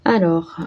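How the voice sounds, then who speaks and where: A craft vlogger with a lowish voice chats casually while working on an art journal page, thinking aloud with hesitations and little self-mocking comments, with background noise present.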